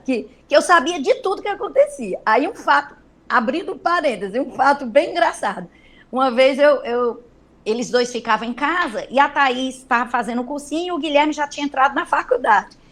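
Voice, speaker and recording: Lively woman storyteller. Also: sits high. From Brazil. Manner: lively storyteller who acts out dialogue. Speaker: business trainer and consultant. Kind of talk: webinar storytelling.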